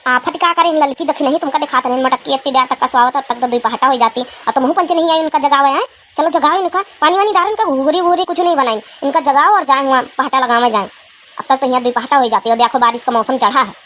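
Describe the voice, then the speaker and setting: Woman voicing an old village granny, scolding, nagging, cartoon comedy, high voice. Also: quick pace, a bit bright, slight background noise.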